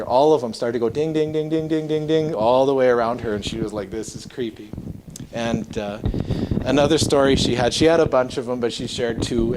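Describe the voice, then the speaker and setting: A man telling stories as a ghost tour guide, in a halting, conversational way. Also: medium pitch. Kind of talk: informal walking tour storytelling. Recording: clear background noise, clicks.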